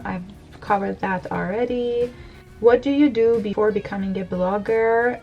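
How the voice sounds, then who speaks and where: A woman's voice: medium pitch, darkish tone, rough recording. A woman in her thirties from Iran, chatting candidly with many fillers as she does her makeup for a question-and-answer video, filmed in her bedroom at home by a camera on the desk. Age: 30s. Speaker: beauty blogger. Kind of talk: get-ready-with-me Q&A chat. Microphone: camera at desk distance.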